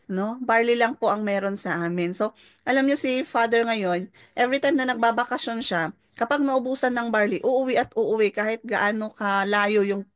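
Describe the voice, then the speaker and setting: A woman's voice: medium pitch, no echo, studio quality. A middle-aged woman with a Filipino accent sharing a personal testimony as a mentor, politely mixing English into her talk and checking in with listeners. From Philippines. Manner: mixes English into Tagalog, polite, tag questions to listeners.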